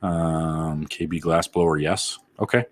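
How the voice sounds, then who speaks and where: A man with a deep, slightly husky voice hosts a casual live stream. He rambles, cracks jokes and reads viewer comments aloud as he goes. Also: fairly even intonation, measured pace. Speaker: bowling channel host answering live chat.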